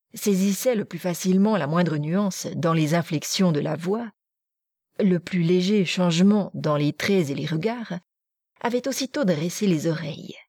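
A woman narrating a classic novel in a measured, expressive audiobook reading. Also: on the low side, creaky, breathy edge, dry recording, studio quality. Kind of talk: literary narration.

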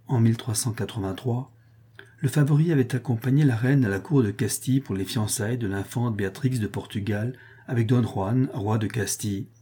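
A man reading a historical narrative aloud in a measured way, rising for dramatic passages. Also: mid-range voice, dark tone, breathy edge.

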